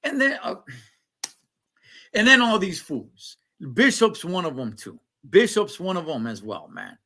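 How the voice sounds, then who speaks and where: A man, casually recapping a TV episode and chatting with viewers in slangy, animated talk. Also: high voice, unhurried, slight background noise. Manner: slangy, animated, talks to chat. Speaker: show recap host.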